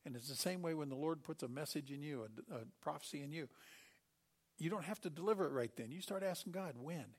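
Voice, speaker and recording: A middle-aged man preaching a sermon, telling Bible stories with animated delivery and acting out the characters. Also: a little high, fast.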